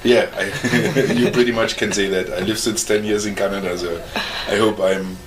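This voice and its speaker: Deep-voiced German man recalling his youth. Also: fairly even intonation, noisy background. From East Germany. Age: 40s. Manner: halting, searching for English words, chuckles often. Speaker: interviewee. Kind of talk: oral history interview.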